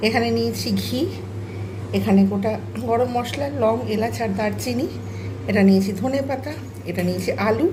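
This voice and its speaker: A hoarse woman with a cold, hosting a cooking channel and explaining each ingredient and step as she cooks. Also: on the high side, moderate pace, pauses often. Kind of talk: casual cooking demonstration. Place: home kitchen, cooking at the stove. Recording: noisy kitchen with frying sizzle.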